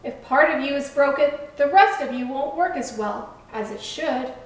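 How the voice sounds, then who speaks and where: A woman's voice: high-pitched, lively intonation, moderate pace. A woman doing a kind, firm lighthouse keeper. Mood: caring. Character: friendly caring male lighthouse keeper, firm. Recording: echoey room from far off.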